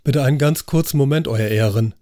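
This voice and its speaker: A man's voice: medium pitch, fairly quick, warm tone, no room sound, studio quality, voice pushed up, lightly acted. A man voicing a driven prosecutor in an audiobook, firm and authoritative. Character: commanding, driven male prosecutor.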